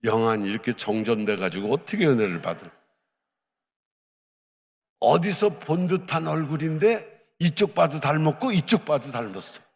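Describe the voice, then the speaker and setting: A man's voice: medium pitch, normal speed. Man preaching a story in a reverberant hall. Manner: lively anecdotal storytelling, acting out dialogue. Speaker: pastor. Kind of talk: storytelling sermon. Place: church hall.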